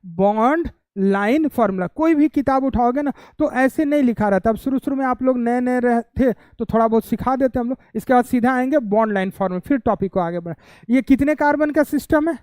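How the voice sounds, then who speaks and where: A man's voice: extremely high pitch, fairly quick, a little mellow, smooth, no room sound. A male chemistry teacher giving a classroom lecture, constantly quizzing students, repeating their answers back and teasing them playfully.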